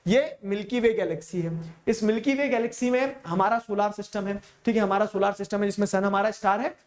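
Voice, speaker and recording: Male teacher, high-pitched, casual lecture, keeps checking in with students. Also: a little fast. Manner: keeps asking listeners if they follow; casual, chatty teaching with small jokes. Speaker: geography teacher. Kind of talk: explanatory lecture.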